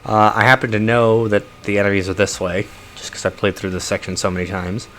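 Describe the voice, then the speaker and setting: A man's voice: lowish voice, little pitch movement, brisk, a bit bright. A man streaming a game live, chatting casually with frequent chuckles and fillers. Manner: chuckles often, loose with fillers.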